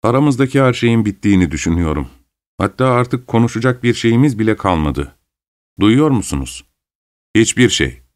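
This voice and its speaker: A man playing a proud, irritable gentleman with a curt, scornful delivery. The voice is low but swings widely, and it is read as an audiobook character. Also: sing-song, normal speed. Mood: irritated.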